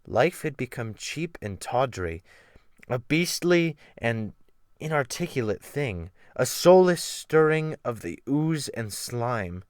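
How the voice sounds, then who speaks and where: An audiobook narrator, a man with a medium-pitched and very animated voice, gives a slow, dramatic, theatrical reading of literary narration with strong swells of emphasis. He is close to a USB microphone, and the recording is dry.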